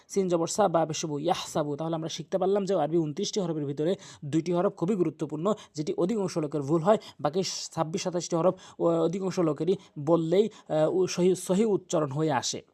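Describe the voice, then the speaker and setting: A man with a Bangladeshi Bengali accent teaching Quran reading, spelling out Arabic letters and vowels before reciting them slowly. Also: on the high side, warm tone. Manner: chanted recitation, slow and drawn out.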